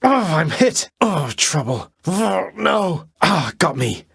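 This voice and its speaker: A man's voice: sits high, very animated, slow pace, vocal fry, a bit bright, slightly rough, no echo, exaggerated voice. A man playing Zagreus, a defiant young underworld prince in a video game, with a dry, sardonic manner and formal turns of phrase. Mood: strained, frustrated.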